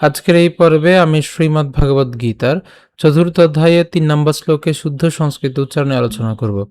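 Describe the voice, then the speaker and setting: A man leads a pronunciation lesson in a slightly high voice. He breaks verses into syllables and repeats each one slowly and carefully. At times he chants the lines in a tune. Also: darkish tone. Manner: slow, careful syllable-by-syllable recitation. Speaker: Gita teacher.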